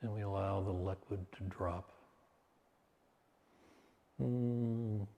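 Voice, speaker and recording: A meditation teacher with a low, dark voice guides a session soothingly and in a steady tone. He speaks very slowly in short phrases separated by long pauses, and a long, hall-like reverb trails his words.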